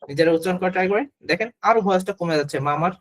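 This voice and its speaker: A man's voice: high-pitched, racing. A man teaching a class about Chinese tones, explaining patiently and modeling syllables for students to repeat.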